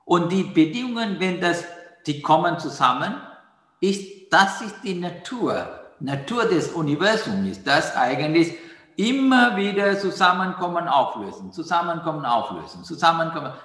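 A man giving a calm dharma talk on mindfulness as a meditation teacher, patiently repeating his key phrases. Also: on the high side, normal speed. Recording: roomy hall with long reverb.

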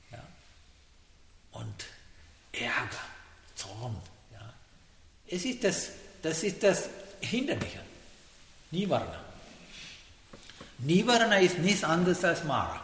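A man gives a dharma talk on meditation in halting, unhurried German. He keeps checking in with his listeners with a questioning "ja?". His voice rings through a reverberant hall over faint background noise. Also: on the high side, big pitch swings, creaky, a bit bright. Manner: halting non-native German, frequent "ja?" checks. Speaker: meditation teacher.

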